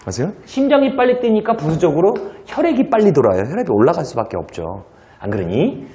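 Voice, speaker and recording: A male teacher giving a lively classroom lecture, telling stories with sound effects and acted dialogue and throwing rhetorical asides to his students. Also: on the high side, fast, slight background noise. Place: lecture hall.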